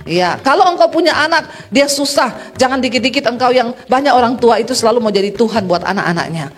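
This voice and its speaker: A woman's voice: fairly high pitch, expressive, fast, faint music behind. Emphatic woman pastor preaching. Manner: emphatic preaching with rhetorical questions and calls of amen. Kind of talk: sermon.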